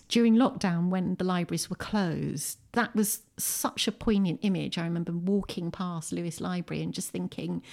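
A woman with an English accent, a poet and writer, talks as a podcast guest from indoors at home. Her lowish voice has a darkish tone, and she's thoughtful and articulate, driving her points home with emphasis.

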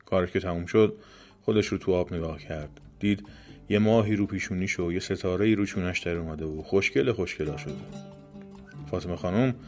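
A man narrating a folk tale as a storyteller, with gentle drama. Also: deep voice, faint music behind.

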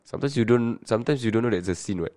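A man's voice: medium pitch, very fast, warm tone, no echo, studio quality. A young man with a Singaporean accent in casual, bantering chat, speaking colloquial Singlish sprinkled with Malay slang.

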